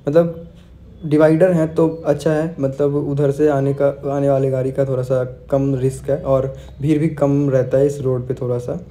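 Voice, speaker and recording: Flat-voiced young man vlogging a road trip. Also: mid-range voice, moderate pace. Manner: chatty, talks straight to viewers. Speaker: travel vlogger. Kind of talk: casual road-trip vlog narration. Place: inside a car on a highway.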